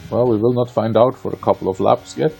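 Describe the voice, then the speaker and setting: This sim racing league commentator is an Austrian man whose first language is German, and his accent shows it. He gives wry, conversational live commentary with playful asides in a medium-pitched, fairly even, slightly mellow voice, speaking fairly quickly with vocal fry over slight background noise.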